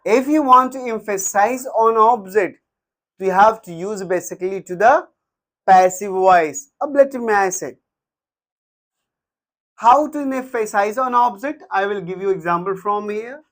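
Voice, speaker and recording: Man, Indian English accent, grammar teacher, classroom lesson, very slow, dictates word by word. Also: high-pitched, a bit bright. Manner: slow, repeats words and dictates them one at a time.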